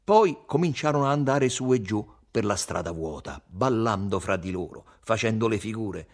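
A man reading a novel aloud, expressive and vivid. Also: lowish voice, moderate pace. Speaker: audiobook reader. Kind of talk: dramatic literary reading.

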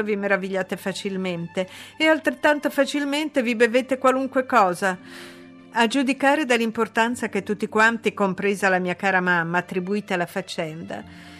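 A woman's voice: mid-range voice, fairly bright tone, lightly acted. A woman playing Blanche, a haughty young noblewoman. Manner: imperious, commanding.

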